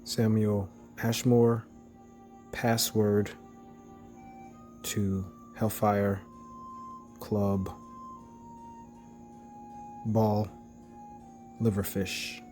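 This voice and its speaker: Male gaming host, casual commentary, hesitant fillers, low, mellow voice, faint music behind. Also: little pitch movement, extremely slow, long pauses.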